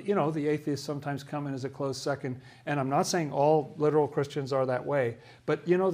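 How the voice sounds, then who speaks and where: A man's voice: on the high side, darkish tone. Man preaching with emphatic swells. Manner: conversational, rhetorical questions, emphatic swells. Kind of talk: sermon.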